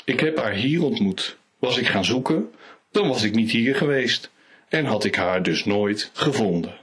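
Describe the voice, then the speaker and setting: Slow husky man reading a story. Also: mid-range voice, a bit bright. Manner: slow, unhurried storytelling with light voicing of characters. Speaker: reader.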